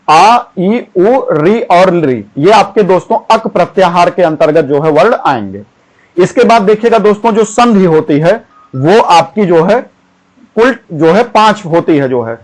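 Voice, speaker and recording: A man teaching an exam-prep grammar lesson, chanting syllables slowly one by one and often repeating a filler phrase. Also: high-pitched, low-quality recording.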